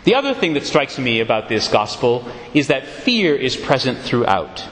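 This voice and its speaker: Preacher man in an echoey church. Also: medium pitch. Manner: expressive, measured storytelling delivery. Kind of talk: sermon.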